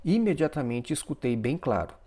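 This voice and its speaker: A man narrating a first-person story in an expressive, dramatic way. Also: mid-range voice, normal speed.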